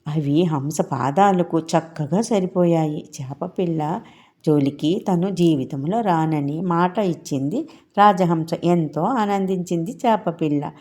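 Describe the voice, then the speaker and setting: Low, mellow woman telling children's stories. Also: slow. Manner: gentle, talks directly to small children. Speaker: storyteller for children. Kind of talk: children's storytelling.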